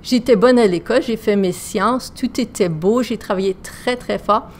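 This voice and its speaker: A woman's voice: medium pitch, normal speed, slight background noise. A woman teacher with a Québécois accent, telling self-deprecating, humorous anecdotes in a casual podcast.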